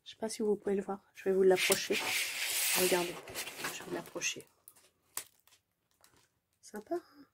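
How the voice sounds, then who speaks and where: A woman's voice: mid-range voice, fairly even intonation, normal speed, pauses often, very noisy. A woman chatting casually to her viewers while unboxing a craft kit at home, exclaiming often and joking about herself. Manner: chatty and exclamatory, many fillers; playful, self-mocking. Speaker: diamond painting vlogger.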